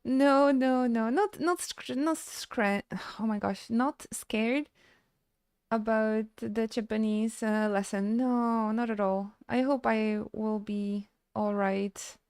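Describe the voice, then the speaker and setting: A woman game streamer chatting casually with her live audience, halting and stammering as she thanks viewers between frequent laughs. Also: on the high side, steady tone, darkish tone, smooth, no room sound, clean studio sound.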